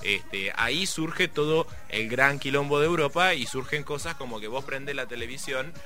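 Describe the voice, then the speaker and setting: A middle-aged Argentine man with a Rioplatense Spanish accent explains economics in casual conversation, his mid-range voice sharp and at normal speed. He rambles, using many fillers and restarting often.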